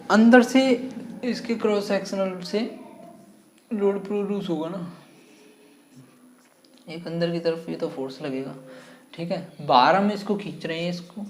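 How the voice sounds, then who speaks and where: A woman. She repeats each key term several times and keeps asking quick questions to check along. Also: lowish voice, a little mellow. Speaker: physics teacher. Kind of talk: classroom-style physics lesson.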